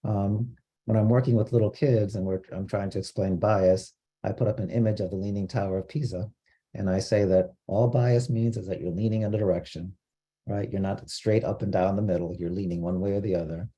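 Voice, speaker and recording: A man from Costa Rica giving an online training lecture, explaining terms in a measured way with frequent fillers. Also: lowish voice, steady tone, dark tone, husky, muffled recording. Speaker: diversity trainer.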